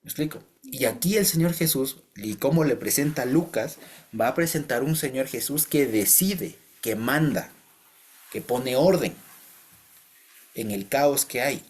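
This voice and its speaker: A man with an Ecuadorian Spanish accent teaching a Bible study in a relaxed, conversational way, often checking that listeners follow him and chuckling between phrases. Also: mid-range voice, unhurried, slightly rough.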